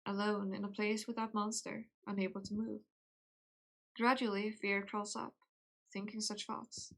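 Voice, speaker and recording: A young woman at an ordinary, mid-range pitch reads a game's story aloud on a live stream. Her reading is slow and hushed. She keeps stopping for giggly, offhand chatter. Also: level tone. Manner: slow, soft reading broken by giggly casual asides.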